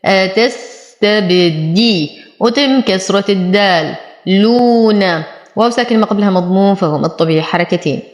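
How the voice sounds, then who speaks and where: Woman teaching recitation, slow and echoey. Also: medium pitch. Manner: explains each letter rule, then recites words very slowly. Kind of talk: slow tajweed lesson with drawn-out recitation.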